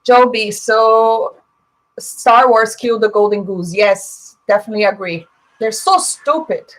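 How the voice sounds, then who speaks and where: A Brazilian woman whose native language is Portuguese hosts a casual live stream, chatting, answering viewer comments, and sharing opinions with plenty of fillers. Her voice is a little high and unhurried, and the audio is poor.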